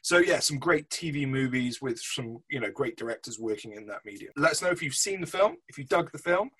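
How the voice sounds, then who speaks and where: A man's voice: mid-range voice, lively intonation, fairly quick, a bit bright, breathy edge. A man co-hosting a casual film review podcast, upbeat and chatty. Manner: upbeat, chatty, says mate. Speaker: podcast co-host.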